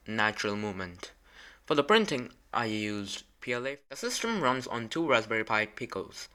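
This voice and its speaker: A man's voice: lowish voice, bright, forceful tone. A young man giving a scripted narration as a student presenting a robotics project he built.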